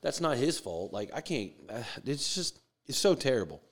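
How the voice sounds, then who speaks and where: A man's voice: medium pitch, very animated, normal speed. A man ranting about baseball in a heated, profane, swaggering way, swearing freely. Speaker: sports commentator. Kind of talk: profane sports rant.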